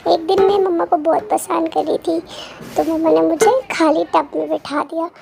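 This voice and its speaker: Super high tiny baby girl voice, kinda gravelly, chirpy vlog chat. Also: fairly even intonation, moderate pace, background noise, full character voice. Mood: cheerful. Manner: chirpy, playful, talks straight to viewers. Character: chatty cheerful baby girl narrating her day. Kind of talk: cutesy vlog narration.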